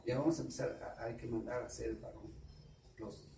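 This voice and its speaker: A man with a Mexican Spanish accent preaching a sermon, repeating himself and asking the congregation rhetorical questions, at times suddenly loud. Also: on the low side, level tone, a little fast, vocal fry. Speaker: pastor. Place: church. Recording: echoey room, distant mic, faint background noise.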